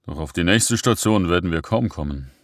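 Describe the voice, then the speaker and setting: Man doing a gruff, sluggish sleigh driver. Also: low voice, expressive, brisk, dry recording, studio quality. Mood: grumbling. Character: huge sullen male sleigh driver, grumbling.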